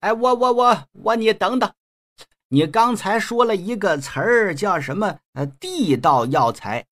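A swaggering street bully with a rough, mocking bluster, as a storyteller puts him on. The voice is husky, and its pitch swings widely. It comes from a spoken storybook. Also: male voice, animated, unhurried, a bit bright, heavily acted. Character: brash swaggering male street thug, a bully.

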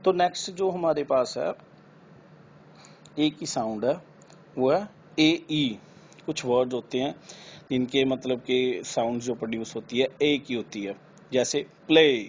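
A man teaching a lesson, explaining step by step and saying example words louder and drawn out. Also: medium pitch, unhurried. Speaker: English pronunciation teacher. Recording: slightly dull with faint background noise.

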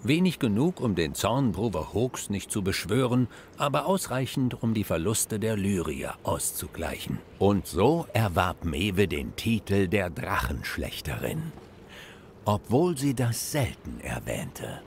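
A man narrating a fantasy game as a storyteller, solemn, dramatic and deliberate. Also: lowish voice, sing-song, slight background noise. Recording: music behind the voice.

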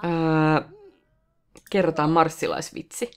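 A woman hosting a let's play, chatting casually as she plays and talking to the game characters, with sudden excited high outbursts.

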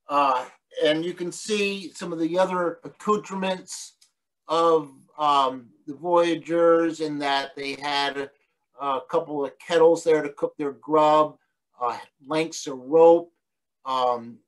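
A middle-aged man gives an online illustrated talk from a room at home, his voice sitting a little high for a man. He speaks slowly and easily, with frequent ums and restarts as he explains. The sound is plain video-call audio. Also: rough recording. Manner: relaxed explanatory, many fillers and restarts. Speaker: guest lecturer.

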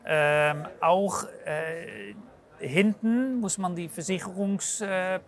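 A man in his forties representing a company, explaining products casually with many hesitations, in a large exhibition hall. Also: sits high. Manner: halting, many filler hesitations and restarts.

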